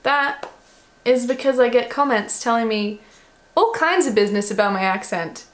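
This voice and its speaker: Watching an old clip of herself, an Australian woman vlogger rambles casually and pokes fun at herself. She speaks at a moderate pace in an animated voice on the high side.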